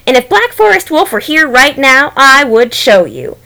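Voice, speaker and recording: Woman doing male trickster rabbit, boastful, flattering, high, lively. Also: normal speed, exaggerated voice. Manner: flattering, showy, theatrical wailing.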